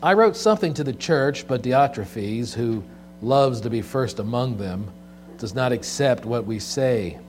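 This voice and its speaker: A man preaching as a pastor at a pulpit microphone, speaking in a measured, deliberate way with pauses. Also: medium pitch, a little mellow. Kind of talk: sermon with scripture reading and prayer. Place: church service, speaking from the pulpit. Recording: clear background mains hum.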